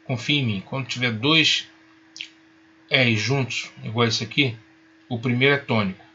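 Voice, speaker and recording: A man teaching a Hebrew lesson, patient and reassuring, spelling out each sound slowly. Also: mid-range voice, bright, forceful tone, breathy edge, dull audio. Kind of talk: recorded online lesson.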